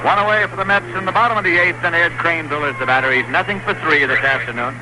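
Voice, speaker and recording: An American man calls baseball play-by-play in 1960s radio style, talking fast in a fairly high voice. The old broadcast is noisy.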